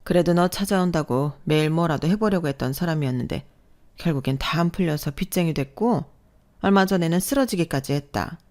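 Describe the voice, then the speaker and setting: A woman's voice: low voice, a little fast, a little mellow, close to an everyday voice. A woman voicing a pushy middle-aged aunt who pleads and reproaches insistently, in a storytelling radio drama. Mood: reproachful. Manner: insistent, reproachful guilt-tripping.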